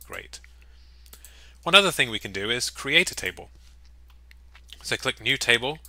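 A man giving a casual, upbeat screen-recorded software tutorial, with chatty, jokey asides. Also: mid-range voice, very animated, a little slow, no echo. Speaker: software walkthrough presenter.

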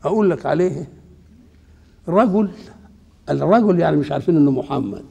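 Gravelly older Egyptian man teaching. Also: a little high, fairly quick, lo-fi sound. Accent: Egyptian Arabic. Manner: asks questions and answers them himself, colloquial and lively. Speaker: Islamic scholar. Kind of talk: Quran exegesis lesson. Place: seated indoors.

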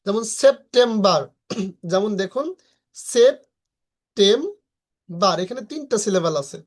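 Brief: online pronunciation teacher, patient and repetitive, slows right down on example words. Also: medium pitch, expressive, darkish tone. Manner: patient, repetitive explaining with frequent check-ins; sounds words out slowly and stretches them. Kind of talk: recorded online class lecture.

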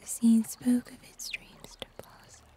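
In this ASMR roleplay, a young woman plays a gentle summer angel, offering comfort in a soft, breathy whisper right up against a sensitive microphone. Her scripted story unfolds slowly and deliberately, tender and soothing, and the voice stays close to how she might sound in everyday life.

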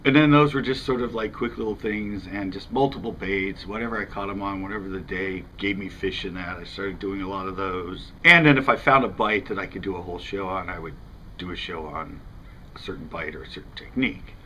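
Speaking fast and with a pushed, bright edge, this low-voiced fishing channel host talks to camera in a loose, meandering way. He's a middle-aged American in his fifties, standing outside before a house window, and the audio quality is rough.

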